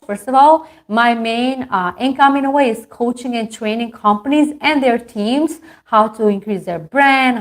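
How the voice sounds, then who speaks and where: A woman gives a motivational talk on a video call. She speaks as a marketing coach and sounds chatty and earnest, with lots of fillers. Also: a little high. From Albania. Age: 30s. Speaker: marketing coach and company founder. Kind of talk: motivational talk to an online group.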